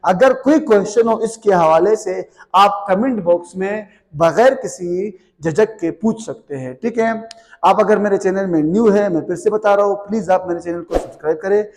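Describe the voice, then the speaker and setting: A man's voice: high voice, moderate pace, darkish tone. A man teaching English grammar in Hindi-Urdu mixed with English, asking questions and answering them himself. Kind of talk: grammar lesson. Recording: long hall reverb.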